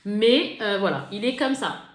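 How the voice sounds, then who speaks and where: A woman's voice: medium pitch, unhurried. A woman vlogger showing off her makeup haul in a casual, chatty way, laughing often and poking fun at herself. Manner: chatty, laughing, lively, self-mocking. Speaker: beauty vlogger. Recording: echoey room with faint noise.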